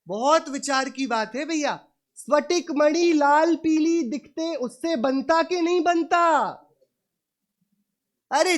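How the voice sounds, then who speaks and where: A man preaching an afternoon Jain sermon in an unhurried, deliberate rhythm. He keeps putting questions to his audience, addressing them as brother. His delivery is emphatic and rhetorical. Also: very high-pitched.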